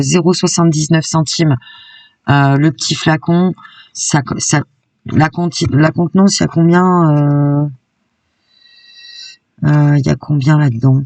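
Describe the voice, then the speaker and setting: Brief: chatty craft vlogger woman, gravelly voice, a little distant from the mic. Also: low-pitched, a little mellow, no echo. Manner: chatty and enthusiastic, peppered with "hein". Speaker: craft YouTuber. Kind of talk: casual shopping haul vlog.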